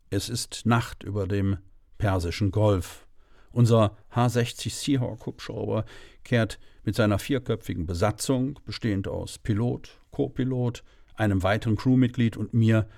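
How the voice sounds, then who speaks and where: A middle-aged man calmly narrating a first-person audiobook story in a measured way. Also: fairly low pitch, gravelly, no echo, studio quality.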